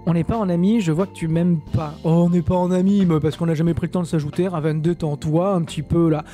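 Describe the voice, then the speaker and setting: Un streamer français sans accent qui commente un simulateur de vol en direct, lit le chat et plaisante, avec beaucoup d'hésitations. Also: male voice, a little high, steady tone, fast, mellow, soft background music. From France. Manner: chatty, joking, many hesitations. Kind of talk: live-stream flight sim commentary, reading chat.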